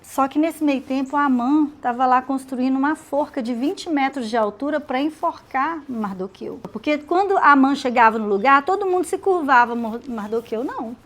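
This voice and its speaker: A woman teaching a women's Bible study, retelling the story in a lively way with acted dialogue. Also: sits high.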